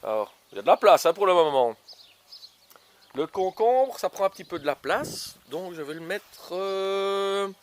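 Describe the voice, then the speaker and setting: Guy out in his garden planting veggies, fairly high voice that bounces all over, playful guessing games, faint birds around. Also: a little hiss or hum. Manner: playful, teasing guessing games, many fillers. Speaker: gardener showing his vegetable patch. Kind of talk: casual gardening show for children. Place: outdoor garden.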